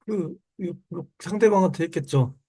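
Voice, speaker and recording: A man answers his teacher in a few halting words. His voice is dark and husky, and he sounds unsure of himself. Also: high voice. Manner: hesitant, short answers. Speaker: student.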